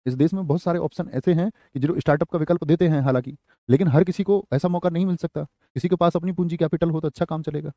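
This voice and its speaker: A young man with a high, mellow voice teaches an exam-prep class, drawing out each phrase and saying it again so students can copy it. The sound is close and dry, with no room around it. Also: fairly even intonation, no room sound. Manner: slow, repeats phrases for dictation, addresses students.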